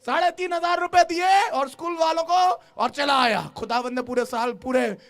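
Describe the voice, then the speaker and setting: A male pastor preaching a sermon, swinging between shouted exhortation and hushed storytelling, with English call-outs mixed in. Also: very high voice, moderate pace.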